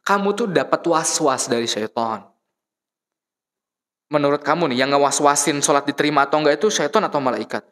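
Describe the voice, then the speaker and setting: Preacher, male, higher-pitched voice, conversational sermon, asks and answers his own questions, long reverb of a mosque hall. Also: a little fast. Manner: asks the congregation rhetorical questions and answers them; swings between soft asides and raised emphatic points.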